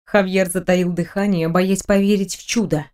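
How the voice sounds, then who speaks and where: Woman reading a romance novel aloud, even and gentle, mid-pitched voice. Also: normal speed. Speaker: audiobook narrator. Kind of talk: scripted narration.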